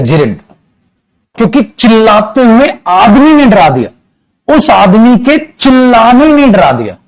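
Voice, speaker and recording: A man's voice: sits high, rough recording. A man with an Indian accent teaching English grammar, explaining through repeated examples and acting out small dialogues, addressing students as "beta". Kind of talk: classroom lecture.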